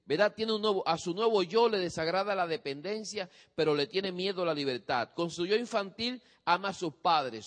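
Man lecturing in a reverberant hall. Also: high voice. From from a different country than his audience. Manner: engages listeners with questions. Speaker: speaker on parenting teens. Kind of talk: lecture to a live audience.

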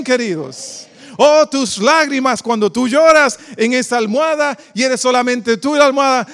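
A man's voice: very high-pitched, fairly bright tone, long reverb tail. A pastor from the Republic, preaching a sermon and quizzing his congregation with questions. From Dominican Republic. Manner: preacherly, asks the congregation questions, calls them "queridos".

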